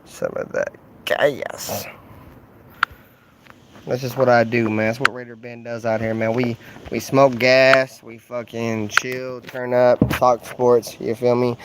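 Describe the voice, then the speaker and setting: A man talking sports on his own livestream at a middle pitch, trash-talking in a loose, profane, slang-filled way. He rambles and keeps circling back with fillers. The delivery is casual and unscripted. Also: level tone, unhurried, noisy background.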